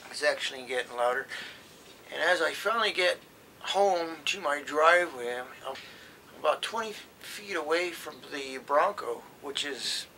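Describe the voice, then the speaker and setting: Casting: male hobbyist presenter, very sharp bright voice, informal explainer, faint noise behind. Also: medium pitch, low-quality recording. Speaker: presenter explaining CB radio gear.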